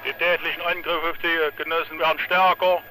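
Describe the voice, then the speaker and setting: Over a police radio transmission, a man reports in short, flat phrases with a slightly raised voice. His calls are terse and businesslike. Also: fairly high pitch, a little fast, rough recording.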